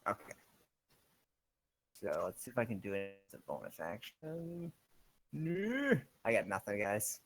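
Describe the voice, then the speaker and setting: A young man playing a tabletop game, laughing, swearing and thinking out loud with many ums. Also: on the low side, very animated, measured pace, long pauses. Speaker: player. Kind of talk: casual tabletop game chat.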